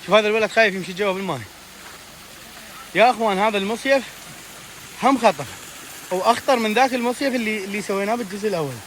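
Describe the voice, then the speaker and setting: A young man with an Iraqi Arabic accent vlogging an outdoor trip, excited and anxious, calling out warnings to friends. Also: sits high, very fast, pauses often, background noise. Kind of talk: outdoor adventure vlog. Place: outdoors by a waterfall.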